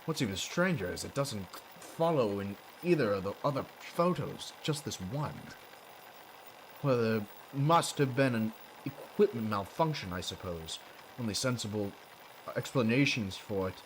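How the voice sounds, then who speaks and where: A man voicing a pompous, excitable noble astronomer in a theatrical, improvised character voice during a game stream. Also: fairly low pitch, unhurried, slight background noise, low-quality recording. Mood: puzzled.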